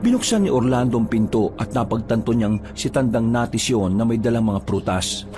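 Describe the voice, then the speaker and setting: A man reading a folk horror tale aloud as a storyteller, in a measured, storytelling way. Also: mid-range voice, lively intonation, noisy background. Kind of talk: scripted horror story narration. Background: background music.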